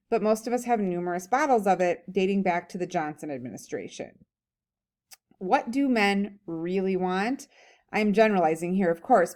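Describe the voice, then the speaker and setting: A woman teacher with a mid-range, slightly mellow voice reads out a humorous story. She keeps stopping for chatty think-aloud remarks and laughs while reading.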